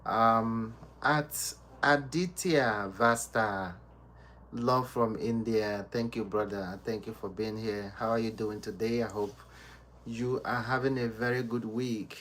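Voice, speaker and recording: Slow, easygoing man streaming live. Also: lowish voice. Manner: laughs often, teasing and playful with viewers; slow, relaxed talk with many fillers. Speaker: livestream host reading chat. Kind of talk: casual live chat.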